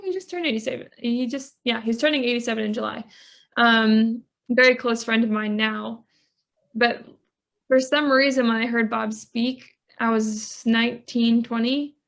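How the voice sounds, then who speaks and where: A woman's voice: fairly high pitch, steady tone, moderate pace, vocal fry, fairly bright tone. A woman life coach on a podcast, telling her story earnestly with lots of "like" fillers. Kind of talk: podcast interview.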